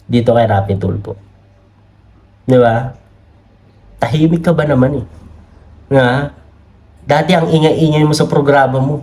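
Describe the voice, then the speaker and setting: Filipino guy vlogging about politics, laughs a lot, keeps asking di ba, mid pitch. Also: dark tone. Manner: chatty, laughs often, many tag questions; reads comments aloud from screen. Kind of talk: casual commentary. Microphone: camera mic.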